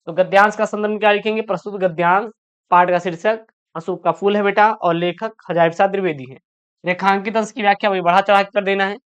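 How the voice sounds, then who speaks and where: This woman's voice sits at medium pitch, steady, clear and resonant, though the recording is muffled. Teaching an online exam-prep class, she addresses students as "beta," reads out each question, frequently repeats it, and answers it in a quick, explanatory way.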